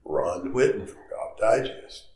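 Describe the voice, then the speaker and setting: An older man, a guest, telling rambling anecdotes with quoted dialogue in a relaxed interview, recorded in an echoey room. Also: deep voice, a little slow. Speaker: golf course architect guest.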